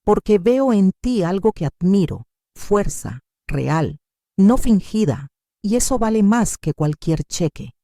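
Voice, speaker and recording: A determined young lawyer, firm and protective, speaks with earnest conviction in a told story, as a woman narrator puts him on. The voice rises and falls in a lively way and sits on a mellow, warm tone. It sounds dry and close. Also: sits high, takes it slowly, dry recording, voice pushed up, heavily acted.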